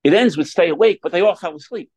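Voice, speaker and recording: Measured male priest giving a homily. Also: sits high, a little mellow. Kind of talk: homily and Gospel reading.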